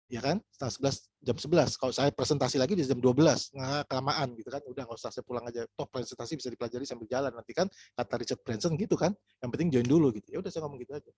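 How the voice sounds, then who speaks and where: Fast-talking man teaching a sales lesson. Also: medium pitch, a little mellow, breathy edge, dry recording. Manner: storytelling, repeats phrases, acts out dialogue. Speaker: MLM business trainer. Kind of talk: casual training talk to an audience.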